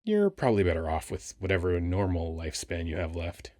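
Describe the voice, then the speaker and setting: Playing a temple-guarding sphinx in an ASMR roleplay, a man speaks low and dark-toned yet very animated, captured dry and close. His rambling is casual and halting, his attitude wry, weary and flirtatious, the overall mood matter-of-fact.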